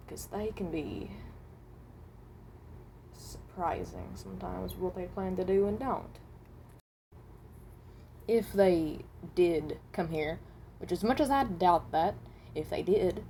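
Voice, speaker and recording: A woman voices a mild-mannered, hesitant traveler from another dimension in improvised character lines, speaking haltingly and frequently rephrasing. Her voice is lowish and warm, the mood hesitant yet reassuring, with a little hiss or hum in the audio.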